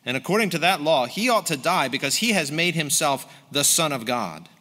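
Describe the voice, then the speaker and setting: A man's voice: on the high side, big pitch swings, moderate pace, bright, forceful tone, pitched above the performer's own voice, exaggerated voice. A man reading the lines of an angry crowd, raised and insistent. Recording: long hall reverb.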